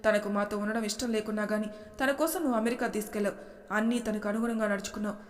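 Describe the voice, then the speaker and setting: A woman's voice: medium pitch, fairly even intonation, rapid-fire, long reverb tail, natural voice. A woman voicing a worried middle-aged mother who anxiously questions and pleads with her son. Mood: pleading.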